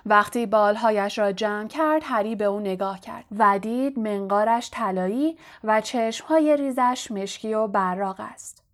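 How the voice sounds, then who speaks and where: A woman narrating an audiobook chapter in a calm, steady storytelling manner. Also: medium pitch, hardly any pauses, soft background music.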